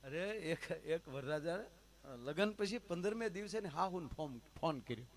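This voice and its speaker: A man's voice: a little high, expressive, normal speed. A man with a Kathiyawadi Gujarati accent, telling folk stories and jokes on a live stage, chatting with and addressing the audience directly. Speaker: folk storyteller and comedian.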